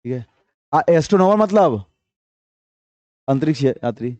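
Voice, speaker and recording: A man teaching English grammar to a class, quizzing students with repeated questions and reading example sentences slowly before explaining them briskly. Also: fairly high pitch, animated, a little mellow, dry recording, muffled recording.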